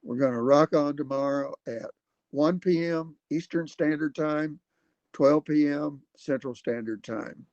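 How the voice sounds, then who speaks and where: A man in his seventies hosting a casual livestream from his computer at home, rambling and halting with many fillers. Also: fairly high pitch, darkish tone, no echo, lo-fi sound. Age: 70s. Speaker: livestream host. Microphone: computer webcam mic.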